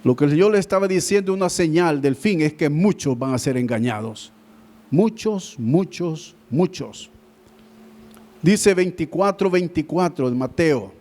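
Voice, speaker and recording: A man preaching a sermon in a fairly high voice. He keeps speaking straight to the congregation, climbing to loud appeals, then sinking into quiet, low asides. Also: lively intonation, a little slow. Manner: keeps addressing listeners as brother, swings between loud and hushed. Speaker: pastor.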